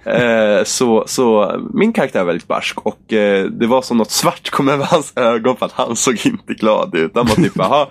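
A man's voice: on the low side, creaky, hardly any pauses, no echo. A man in casual chat, telling a long gaming story animatedly and acting out the characters' lines.

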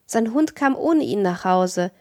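A woman's voice: mid-range voice, lively intonation, measured pace, darkish tone, lightly acted. A woman reading a wistful young daughter. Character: young woman sadly recalling her lost father.

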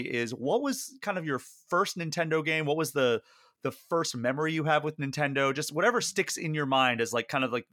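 A man's voice: medium pitch, sharp tone, dry recording, clean studio sound. A man hosting a podcast, introducing and interviewing a guest in a friendly, casual, conversational way. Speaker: podcast host.

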